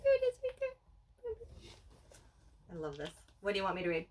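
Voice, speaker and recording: Sitting on a couch at home, a co-host unboxes collection items in an unscripted, playful chat full of exclamations and self-mocking jokes. Her medium-pitched voice swings widely in pitch at a normal speed and has a darkish tone. The mic is distant and the room is noisy.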